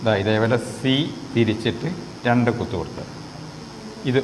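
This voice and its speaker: A man with a Malayali accent teaching a phonetics lesson, repeating example words slowly and asking rhetorical questions. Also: medium pitch. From Kerala, India. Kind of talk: classroom lesson on English vowel sounds. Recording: echoey room with faint background noise.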